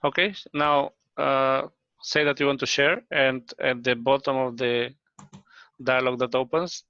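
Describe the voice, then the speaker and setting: Bright-voiced man helping on a video call. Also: mid-range voice, steady tone, measured pace. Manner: helpful, explaining step by step with restarts. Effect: heard over a video call. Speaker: meeting participant giving tech help. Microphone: computer mic on a video call. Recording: dull lo-fi video call audio.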